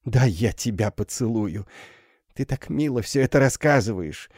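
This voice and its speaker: A man's voice: fairly high pitch, lively intonation, measured pace, warm tone, no echo, studio quality, voice pushed up. A man voicing a half-mad older woman, a recluse mother, who talks wildly and tearfully in an audiobook. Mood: ecstatic. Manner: wild, tearful, swinging between joy and terror. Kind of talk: audiobook character voice.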